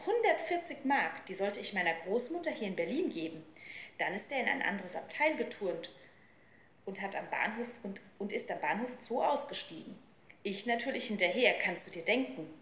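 A woman's voice: mid-range voice, fairly bright tone, a little hiss or hum, natural voice. A woman reading aloud, voicing an earnest, polite boy from a small town. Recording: roomy with faint ambience.

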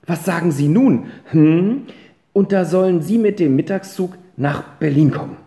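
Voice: mid-range voice, expressive, normal speed, warm tone, voice pushed up, lightly acted. A reader voicing a chatty, bustling baker's wife in an audiobook. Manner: bustling, gossipy. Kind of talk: audiobook character reading. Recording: roomy echo.

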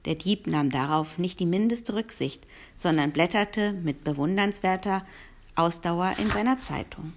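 A woman narrating a children's novel aloud in a lively storytelling manner. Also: on the low side, a little slow.

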